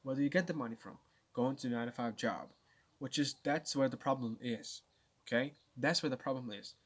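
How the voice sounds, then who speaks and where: Young man, nineteen, casual vlogger; rambling, halting, mid-pitched voice. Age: late teens. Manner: rambling, with many restarts and stammers. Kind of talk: casual talk to camera.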